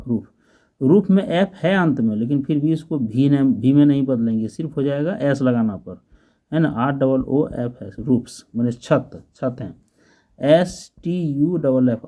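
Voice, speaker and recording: This male teacher speaks at medium pitch with a dark tone, and the recording's highs are cut off. Patiently, he walks the class through a slow grammar lesson, spelling out every word letter by letter and asking questions along the way.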